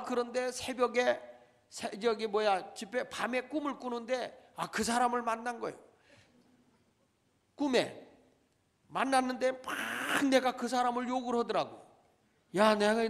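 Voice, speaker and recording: High-voiced preaching man in echoing church. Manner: preaching with calls to the congregation and dramatic emphasis. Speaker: pastor. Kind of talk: sermon. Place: church sanctuary. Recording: long church reverb.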